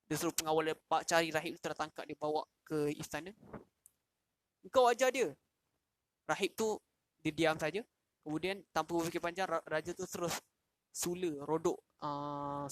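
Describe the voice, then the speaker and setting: A man, telling a story in a casual livestream lesson and asking questions. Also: on the high side. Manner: casual, with fillers and restarts, asks the audience questions. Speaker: Quran class teacher.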